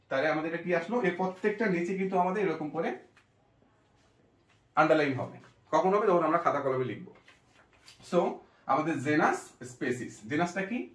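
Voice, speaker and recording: A man teaching pronunciation, breaking words slowly into syllables. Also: on the high side. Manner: slow, drawn-out syllable by syllable. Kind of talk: pronunciation lesson. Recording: echoey room.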